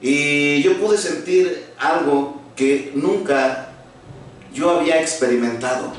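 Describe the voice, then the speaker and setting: Pastor preaching in a very echoey room. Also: male voice, fairly high pitch, distant mic. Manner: halting, earnest, many restarts and fillers. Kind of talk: sermon.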